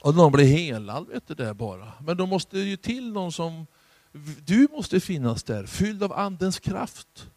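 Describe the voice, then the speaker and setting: A Swedish man preaching a charismatic sermon as pastor, swinging from hushed asides to loud exhortation. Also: a little high, big pitch swings, no room sound.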